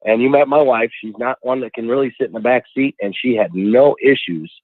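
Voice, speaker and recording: A man's voice: medium pitch, a little fast, no echo. A man calling in to a radio show over a phone line, chatty and enthusiastic. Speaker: caller. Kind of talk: casual call-in chat.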